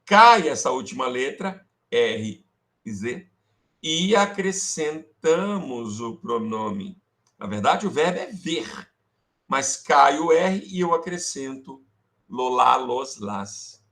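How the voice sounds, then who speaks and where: A man's voice: medium pitch, very animated, slow pace, fairly bright tone. A male teacher with a Brazilian accent giving an online grammar lesson, often checking in with students and calling them affectionate names. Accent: Brazilian Portuguese. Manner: calls students "amores", checks with "beleza?" and "tá?"; fiddles with slides while talking to himself.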